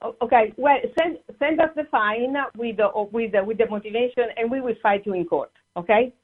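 The target of a prank call, a woman, argues over the phone, firmly and insistently repeating her demands. Her voice is a little high and brisk. The sound comes through a tinny, clipped phone line.

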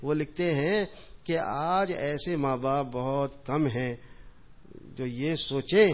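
A man giving an informal religious talk in a mosque, telling humorous anecdotes in a chatty way and chuckling at his own jokes. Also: mid-range voice. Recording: dull lo-fi recording.

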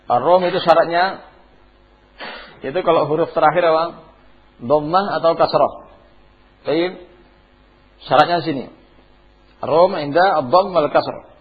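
Husky teacher quizzing his class. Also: fairly high pitch, a little slow, long pauses. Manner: quizzes class, chants Quranic examples. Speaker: tajwid teacher. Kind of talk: classroom lesson with questions to students. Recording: dull lo-fi classroom tape.

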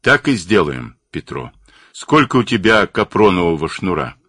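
A man reads as a calm, commanding expedition leader in an audiobook. His voice is very low with lively pitch swings, recorded dry and close to the mic. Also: normal speed, dry recording, heavily acted. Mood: firm. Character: steady authoritative male expedition leader. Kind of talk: audiobook reading.

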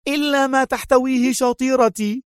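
A man voicing an indignant American woman who feigns outrage in a restaurant, scolding in a shrill, haughty way. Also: steady tone, moderate pace, clear, resonant tone, dry recording, studio quality. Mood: outraged.

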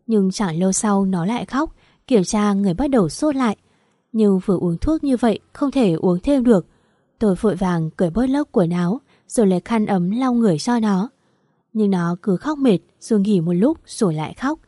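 A woman reading a first-person story aloud in an even, steady narration. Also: medium pitch, moderate pace, no room sound, studio quality.

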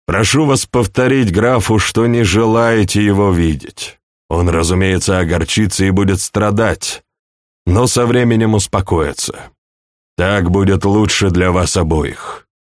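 A man voicing a shrewd, fatherly older chancellor in an audiobook, speaking in a calm, measured, persuasive way. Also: low-pitched, no room sound, studio quality. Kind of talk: audiobook character reading.

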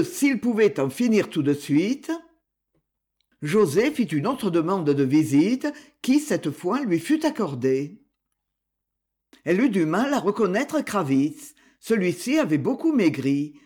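Man, audiobook narration, measured storytelling, lively swinging pitch. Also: breathy edge. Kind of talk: literary novel reading.

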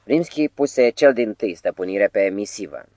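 Narrator: man, low-pitched, dry studio sound, measured literary reading. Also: animated, darkish tone, no echo. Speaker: audiobook narrator.

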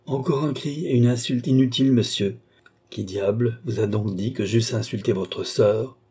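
A man voicing a haughty, weary older count who answers with calm, disdainful impatience. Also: medium pitch, moderate pace, slightly rough, natural voice.

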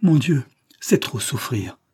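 A man's voice: fairly low pitch, a little slow, dark tone, husky. A man reading the part of a proud young woman, an heiress, torn and pained but speaking firmly and tenderly. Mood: distraught.

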